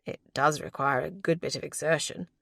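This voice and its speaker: A woman voicing an affectionate young lord, speaking low, wry and murmuring to his new wife. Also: steady tone, normal speed, vocal fry, pushed and bright, no room sound, clean studio sound, exaggerated voice. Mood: tender.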